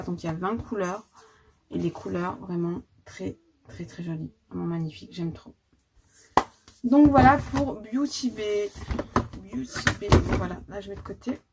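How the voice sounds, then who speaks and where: A chatty woman vlogging about her makeup, hesitating with fillers and repeating words as she goes. Her voice sits at a middle pitch, and steady background noise runs under the recording. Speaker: beauty vlogger. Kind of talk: casual vlog showing her makeup collection.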